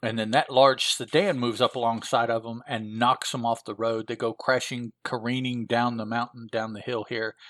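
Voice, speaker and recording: A man's voice: medium pitch, a bit bright, dry recording. Rambling man retelling a comic plot. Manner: rambling, with frequent filler words and self-corrections. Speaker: comic book reviewer.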